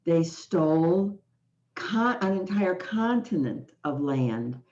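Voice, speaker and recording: This podcast host is a woman from the United States, and her mellow, expressive voice sits on the low side. Throughout the interview she talks with slow, deliberate passion, stressing her words hard. Audio quality is muffled and lo-fi.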